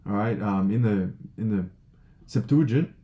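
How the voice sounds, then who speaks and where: A man teaching a lesson in a casual, chatty way, thinking aloud with lots of fillers and checking in with "right?", and reading passages slowly and carefully. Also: fairly low pitch, muffled recording.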